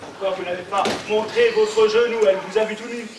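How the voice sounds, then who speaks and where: A man's voice: sits high, steady tone, a little fast, noisy background. A man acting in an amateur stage comedy, flustered and bossy, stammering as he gives orders. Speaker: stage actor playing a flustered businessman. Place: theatre stage. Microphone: far room mic. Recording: echoey stage from far off, audience.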